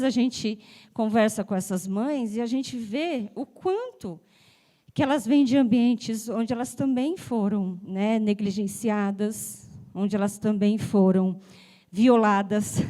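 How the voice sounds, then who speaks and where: A woman's voice: mid-range voice, slow pace, dark tone. A woman giving a conversational talk to an audience at a symposium, slightly breathless and nasal from a cold, often checking in with "né?". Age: adult with a child. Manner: chatty, addresses the audience directly with frequent "né?". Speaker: speaker at a symposium.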